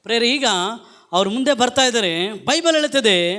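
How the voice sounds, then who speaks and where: A man's voice: very high-pitched, expressive, fairly quick, bright, forceful tone. A male pastor, preaching emphatically at a church service and calling the congregation to repeat after him. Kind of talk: Pentecostal-style sermon.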